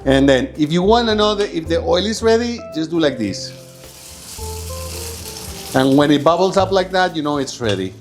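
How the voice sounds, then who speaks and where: An Egyptian man cooks at home while guitar music plays in the background, talking his listeners through it casually, making things up as he goes and checking on them. He speaks at a moderate pace with lively intonation, a slightly high voice, and long pauses.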